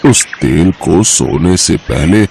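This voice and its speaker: A slow, gravelly old herb seller. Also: male voice, low-pitched, lively intonation, a little mellow, a little hiss or hum, voice pushed down, exaggerated voice. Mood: instructing. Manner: slow drawn-out hawker's call. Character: old male street seller hawking herbs.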